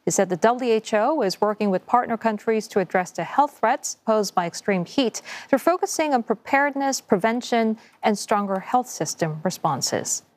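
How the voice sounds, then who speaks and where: A woman's voice: a little high, animated. Woman reading the news. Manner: crisp, measured delivery. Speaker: news anchor.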